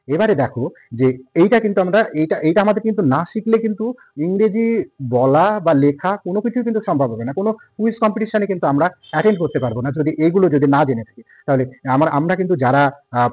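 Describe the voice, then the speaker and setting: A man's voice: fairly high pitch, a little mellow, slightly rough, no echo, rough recording. A man teaching an English lesson, patiently repeating words and counting aloud. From India. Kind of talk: classroom lesson explaining pronunciation.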